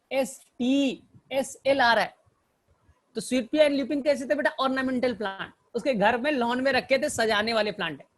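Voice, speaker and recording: A male teacher with a very high voice gives a botany lecture built on mnemonic stories. He keeps calling his students "beta" and answers the questions he asks himself.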